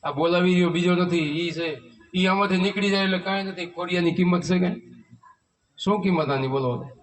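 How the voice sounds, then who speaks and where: High-voiced Kutchi preacher, distant mic. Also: male voice, brisk. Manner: preaches in rhetorical questions and recites hymn verses. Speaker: spiritual teacher leading a satsang. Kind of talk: devotional sermon. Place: devotee's home in a village. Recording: voice from far off the mic.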